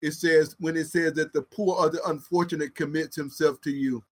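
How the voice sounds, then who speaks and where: A man preaching a fiery sermon on a psalm, swinging from hushed asides to drawn-out shouted emphasis in a repetitive, driving cadence. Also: on the high side, fairly even intonation.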